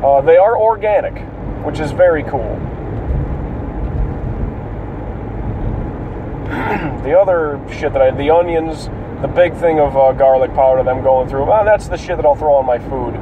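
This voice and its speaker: A somewhat high-voiced man chats casually while congested with a cold, his voice crackling and breaking as he goes. He rambles in a halting, sweary way. The recording is dull and a bit distant from the mic, with clear vehicle noise around him. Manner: colloquial, profane, halting. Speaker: podcast host. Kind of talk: casual rambling solo chat.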